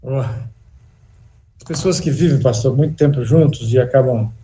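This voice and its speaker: A male pastor preaching a sermon in a church, slow and emphatic, with pauses and restarts. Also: mid-range voice, dark tone. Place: church sanctuary.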